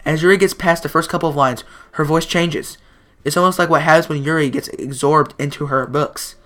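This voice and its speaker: A man's voice: on the high side, sharp tone. A man hosting a gaming video, reading a visual novel's text aloud and stumbling over words as he comments on it.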